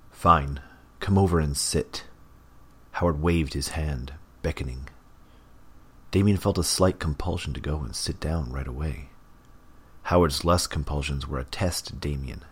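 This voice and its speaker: A male audiobook narrator with an extremely low voice. He reads in a measured, even way. His tone has a husky, breathy edge.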